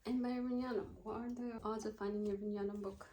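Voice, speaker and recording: Speaking quickly in a medium, dark-toned voice with fairly even intonation, this twentysomething student vlogger chats casually, thinking out loud and frequently losing track of what she was saying. Russian is not her first language, and there's a slight hiss or hum on the recording.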